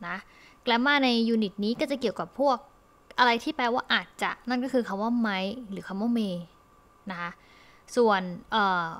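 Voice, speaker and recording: A young Thai woman teaching an English lesson online. She explains each word step by step and often repeats it. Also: fairly high pitch.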